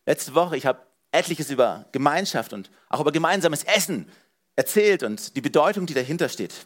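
Animated and a little fast, a man with a voice on the high side delivers a sermon as pastor. He addresses his congregation earnestly and directly, repeating "hey" and "ja" often.

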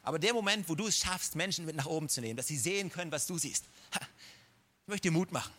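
A man's voice: fairly high pitch, fast talker, sharp tone. A man preaching a sermon, speaking straight to the listener with encouragement and humorous asides. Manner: direct, encouraging address to the listener. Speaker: pastor.

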